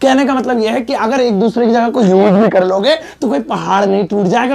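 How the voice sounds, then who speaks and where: A man's voice: high voice, creaky, darkish tone. A man teaching English lessons in a playful, teasing way, full of jokes and asides. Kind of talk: joking classroom-style lesson.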